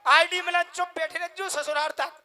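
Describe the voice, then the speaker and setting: A man voicing a gruff, rude male bus driver who snaps back loudly. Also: extremely high pitch, level tone, moderate pace, a little hiss or hum, voice pushed up, full character voice. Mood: bossy. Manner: snapping, shouting.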